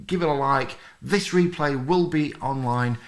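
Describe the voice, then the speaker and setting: A man's voice: mid-range voice, a little slow. Rambling man hosting a live stream. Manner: rambling, friendly, many fillers, reads out chat comments. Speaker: history channel host. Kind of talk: live stream chat with viewers.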